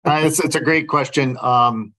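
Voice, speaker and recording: A middle-aged man answering a panel question over a video call, frank and halting with repeated words. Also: medium pitch, sharp tone. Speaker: agency official panelist.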